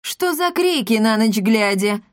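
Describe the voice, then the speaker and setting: A woman's voice: fairly high pitch, expressive, a little slow, dry recording, clean studio sound. A woman voicing an indignant, sleepy male merchant who grumbles and mutters. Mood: grumbling.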